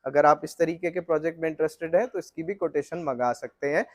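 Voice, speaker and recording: A middle-aged man giving a steady technical walkthrough of flour mill equipment, explaining it directly to the viewer. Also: fairly high pitch, quick pace.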